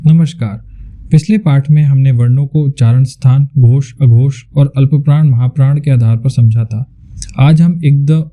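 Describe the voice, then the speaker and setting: Man with a very dark, mellow voice. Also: mid-range voice. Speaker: teacher. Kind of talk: scripted lesson narration.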